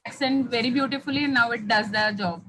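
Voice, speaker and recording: A woman's voice: fairly high pitch, fast, background noise. A woman from South India, a native Tamil speaker with a South Indian accent, answering casually as a participant in an online course.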